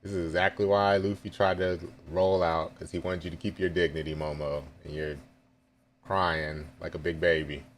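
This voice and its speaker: A man's voice: low-pitched, flat delivery, moderate pace, slight background noise. A man reading a manga chapter aloud live and reacting with casual asides and chuckles.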